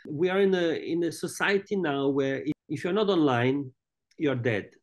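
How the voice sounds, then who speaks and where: A middle-aged man, born in France and raised in Italy and Switzerland, is interviewed over a video call as the head of a hotel group. His fairly high voice comes through a webcam microphone, and he talks haltingly, full of restarts and fillers. He sits indoors in a room with a large painting.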